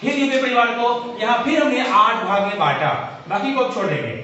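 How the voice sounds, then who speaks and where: A man giving a measured, explanatory classroom lecture, speaking directly to his students. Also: very high-pitched, very animated, pushed and bright. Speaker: teacher. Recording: echoey room, far from mic, dull lo-fi sound, faint hiss.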